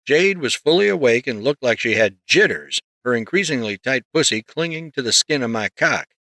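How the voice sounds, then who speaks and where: A man narrating a story in the first person, reading in a steady, measured way close to the mic. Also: mid-range voice, no echo. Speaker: audiobook narrator.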